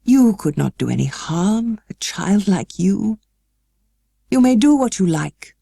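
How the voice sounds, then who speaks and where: A woman voicing a weary, melancholy gentleman guardian for a storybook, kindly but stiff, with slow, halting, well-spoken delivery. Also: mid-range voice, sing-song, creaky, dry recording, studio quality, pitched above the performer's own voice, exaggerated voice. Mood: worried.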